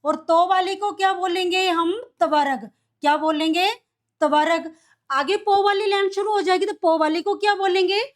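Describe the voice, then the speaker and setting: A woman with a fairly high voice gives a classroom lesson to young pupils. She asks a question and answers it herself, repeating each key term in a steady call-and-response rhythm. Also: normal speed. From India. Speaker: teacher.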